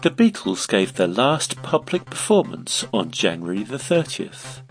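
A man hosting a quiz podcast, reading out the questions in a measured, clear way. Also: lowish voice, very animated, soft background music. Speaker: quiz host.

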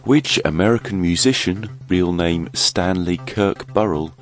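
A man with a croaky, froggy voice from a bug, hosting a quiz podcast in a scripted narration style. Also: deep voice, unhurried, soft background music.

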